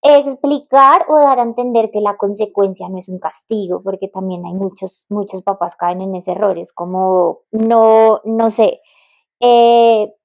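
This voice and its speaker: A woman with a mid-range, gravelly, fry-tinged voice co-hosts a relaxed podcast chat. She explains her points calmly and keeps chiming in with short agreeing sounds. The sound is slightly muffled and lo-fi. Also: medium pitch, measured pace, few pauses. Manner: calm, explanatory, frequent agreeing fillers. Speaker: podcast co-host. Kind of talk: casual conversation.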